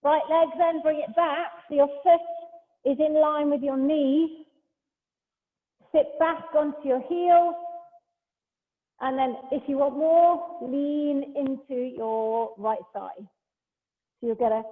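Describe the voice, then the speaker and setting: In a large hall, a Pilates instructor streams her class over a video call, calmly cueing each move one step at a time and chatting in between. Her voice is high and slow, ringing with a long echo through a thin, phone-like line.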